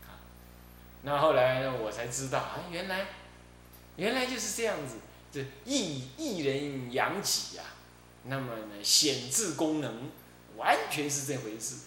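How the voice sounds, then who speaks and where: A man's voice: medium pitch, big pitch swings, a little slow, a bit bright. A man with a Taiwanese Mandarin accent, a Buddhist abbot giving a dharma talk, telling anecdotes in a chatty way and chuckling often. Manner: chatty storytelling with frequent chuckles. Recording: roomy echo with faint hum.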